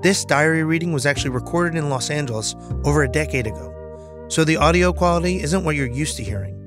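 A man narrates a podcast in a measured, scripted storytelling way. His voice sits a little high for a man. A clear music bed plays under his words. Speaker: podcast host.

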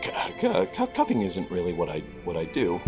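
A man's voice: low voice, wildly swooping pitch, a little fast, a little mellow, soft background music, full character voice. A man playing an awkward, quippy young superhero who gets flustered, in a script read. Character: young male wisecracking, awkward, good-hearted superhero. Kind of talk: animated script table read.

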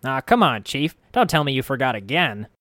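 A man's voice: medium pitch, very animated, moderate pace, fairly bright tone, dry recording, studio quality, pitched above the performer's own voice. A man reading an audiobook, voicing a floating talking skull who teases in breezy, slangy banter. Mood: teasing. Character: wisecracking floating male skull, cheeky and loyal. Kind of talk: audiobook character voice.

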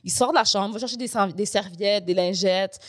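A young woman with a Québécois French accent telling a story in casual chat, animated and full of fillers, acting out what people said. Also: medium pitch, a little fast, no room sound, studio quality. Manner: animated, full of "genre" and "là" fillers, acts out quotes. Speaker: guest storyteller.

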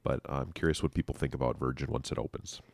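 Man, podcast host, low pitch, stuffy nose, rambling casual chat, dry sound. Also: fast talker, gravelly, no echo. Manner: relaxed, rambling, dry humor. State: stuffy from allergies.

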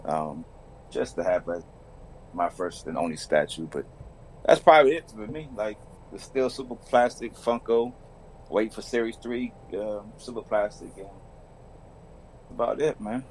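A man's voice: lowish voice, lively intonation, unhurried, long pauses, a little hiss or hum, poor audio. A man, a podcast guest talking in a laid-back, colloquial way. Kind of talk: casual chat.

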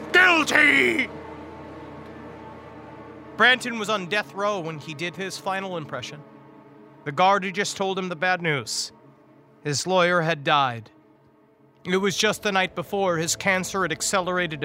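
A man reading a dark comic story aloud, shifting his voice for the characters. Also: on the high side. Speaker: guest preacher reading a story.

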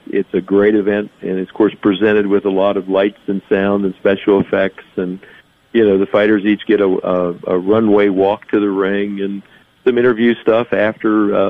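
Lowish male promoter on a phone line. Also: fairly even intonation, moderate pace. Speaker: event promoter, interview guest. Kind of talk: casual promotional chat. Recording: thin phone-line sound.

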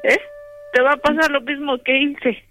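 A man's voice: very high voice, fairly even intonation, moderate pace, bright, forceful tone, soft background music. A man voicing a worried young woman in a radio prank call, insistent and pushy. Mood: pleading. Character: worried young woman, the sister, pleading and scolding.

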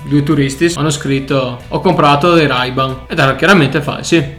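A man's voice: mid-range voice, steady tone, normal speed, a bit bright, faint music behind. A man co-hosting a radio show in casual comic banter.

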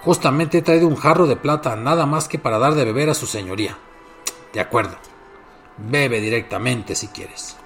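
A man's voice: medium pitch, moderate pace, gravelly, fairly bright tone, faint music behind. A man voicing a rude, spoiled young girl who answers in grumbling retorts in a storybook tale. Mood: surly.

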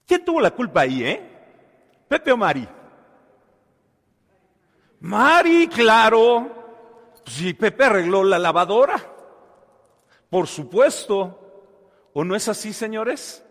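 A man preaching a sermon. He tells a story with dramatic swings from soft to loud and asks the listeners questions. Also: high voice, huge pitch swings, unhurried, long pauses. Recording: long hall reverb.

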